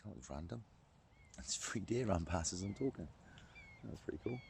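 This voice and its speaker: A man's voice: low-pitched, lively intonation, moderate pace, gravelly, a little mellow, a little hiss or hum. A young man vlogging to a camera on a tripod while fishing outdoors by a lake. He chats casually, swears and laughs often.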